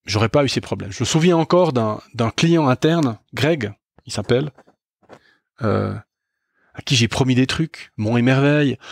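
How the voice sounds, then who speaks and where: Gravelly-voiced middle-aged man telling a story. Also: medium pitch, dry recording, clean studio sound. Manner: candid and self-critical, with frequent hesitations and restarts. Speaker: podcast host. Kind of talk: reflective storytelling monologue.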